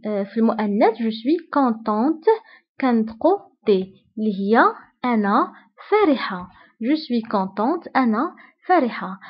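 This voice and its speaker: A woman with a Moroccan Arabic accent teaching vocabulary in a breathy, fairly high voice. She says each example phrase slowly and repeats it, then explains briskly. The sound is dull and lo-fi. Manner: slow deliberate repetition of example phrases. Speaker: French teacher. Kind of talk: scripted language lesson. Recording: dull lo-fi recording.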